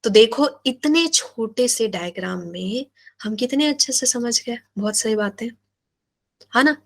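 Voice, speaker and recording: A woman's voice: fairly high pitch, measured pace, creaky. A woman teaching a biology class in Hindi-English, asking questions and repeating key terms. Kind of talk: live online class lecture.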